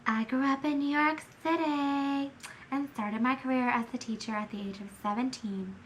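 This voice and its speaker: A woman's voice: high voice, moderate pace, a little hiss or hum. A young adult woman reading a first-person biography of a historical poet for a class project. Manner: reads in character as a historical poet. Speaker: student presenter.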